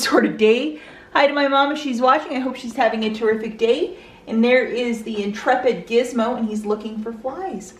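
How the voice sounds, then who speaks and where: A woman hosting a casual couponing haul vlog, chatty and excitable, often laughing. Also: on the high side. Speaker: couponing vlogger.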